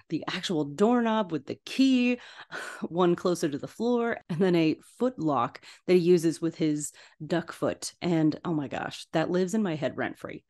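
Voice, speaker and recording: A woman podcast host, retelling a cartoon scene by scene in a lively, playful way and acting out the characters' lines. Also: fairly low pitch. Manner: animated, playful storytelling with acted-out quotes. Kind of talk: casual film recap.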